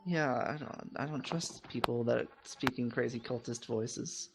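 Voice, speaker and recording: A man's voice: medium pitch, measured pace, poor audio. A man chatting casually as a player in a tabletop game, often searching for his words. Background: background music.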